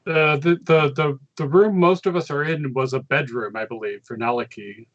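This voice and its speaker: A man playing a tabletop game, discussing his moves casually in a hesitant, halting way over lo-fi voice chat. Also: medium pitch.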